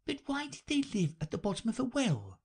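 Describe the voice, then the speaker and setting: A man's voice: extremely high pitch, huge pitch swings, a little fast, darkish tone, slightly rough, voice pushed up, exaggerated voice. A man voicing a polite, curious young girl in a storybook reading. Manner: careful, earnest questioning.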